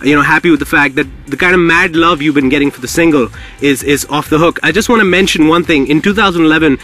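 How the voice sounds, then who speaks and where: A man hosts a live radio interview. His voice is fairly high and very bright, and he piles on hype in repetitive, slangy phrases. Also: fast talker. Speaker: radio show host.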